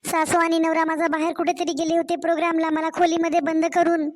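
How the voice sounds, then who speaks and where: Woman doing a young wronged daughter-in-law, high flat voice, keeps pleading, soft music under it. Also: fast talker, slight background noise. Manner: pleading, complaining. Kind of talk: cartoon story voice acting.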